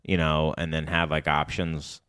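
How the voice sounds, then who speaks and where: A low-voiced man with a hint of a Chicago accent chats loosely on a podcast. He hedges, rambles and keeps correcting himself. The recording is dry, with no room sound at all. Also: completely flat delivery, normal speed, fairly bright tone, clean tone, dry recording. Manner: rambling, self-correcting, hedging. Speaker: podcast co-host, beer bar owner. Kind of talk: casual chat.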